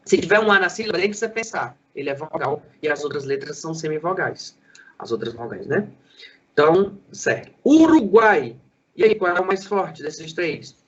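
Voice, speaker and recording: A male school teacher giving a Portuguese lesson, sounding out syllables slowly and quizzing a student. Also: on the high side, expressive, fairly bright tone, highs cut off. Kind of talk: lively classroom lesson for sixth graders.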